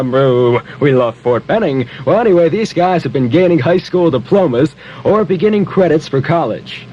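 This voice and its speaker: A twenty-something American DJ from Philadelphia banters playfully over pop records on a 1970 Top 40 aircheck, tossing in asides and interjections. His fairly high, slightly mellow voice comes through a muffled recording with slight background noise.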